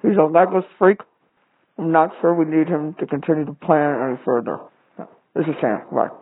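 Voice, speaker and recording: A man's voice: a little high, steady tone, normal speed. A man acting a blunt, pushy schemer, curt and insistent on a voicemail in an audio drama. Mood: cold, dismissive. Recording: tinny phone-like line.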